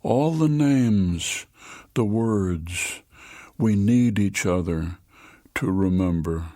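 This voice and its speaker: Low, unhurried older male radio host. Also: lively intonation, no room sound. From United States. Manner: unhurried storytelling delivery with long pauses. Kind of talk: scripted almanac narration. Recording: dry studio voice-over with soft music.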